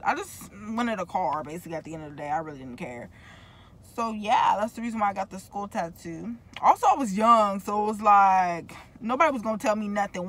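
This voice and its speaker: Young female vlogger, talks with braces, casual rambling slangy chat, mid-pitched, recorded inside a car. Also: a bit bright, a little hiss or hum. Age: young adult. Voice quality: talking with braces. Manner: rambling, self-interrupting, slangy.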